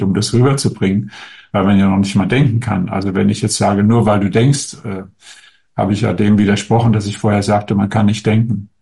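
A man with a fairly low voice answers viewer questions as a spiritual teacher. He speaks calmly and thoughtfully, pausing often with small hesitations as he feels his way through each answer. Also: vocal fry. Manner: calm, musing, with many hesitations.

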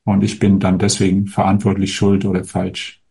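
A man with a fairly low voice answers viewer questions as a spiritual teacher. He speaks calmly and thoughtfully, pausing often with small hesitations as he feels his way through each answer. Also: vocal fry. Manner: calm, musing, with many hesitations.

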